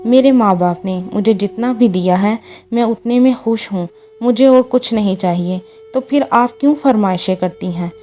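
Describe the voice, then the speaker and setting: A woman's voice: medium pitch, mellow, soft background music, natural voice. A woman voicing a young wife who pleads tearfully with her husband and mother-in-law. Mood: pleading.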